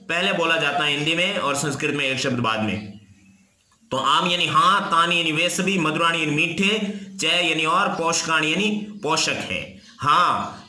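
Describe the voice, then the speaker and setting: A man's voice: on the high side, a little slow, pushed and bright. A man teaching a lesson to schoolchildren, going through the words one by one and asking questions that he answers himself. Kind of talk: classroom lesson explaining grammar. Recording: echoey room.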